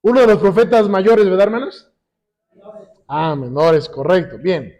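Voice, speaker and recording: A man teaching a Bible lesson to a congregation, often pausing to quiz them with call-and-response questions and slowing down when he quotes scripture. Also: high voice, animated, a little mellow. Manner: slows down when quoting scripture. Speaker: church teacher. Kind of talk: sermon-style Bible lesson.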